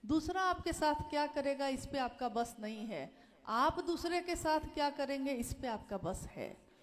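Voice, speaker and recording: A woman's voice: sits high, lively intonation, unhurried. A woman giving an earnest devotional talk, pleading with listeners and repeating her key phrases. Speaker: speaker at a devotional gathering.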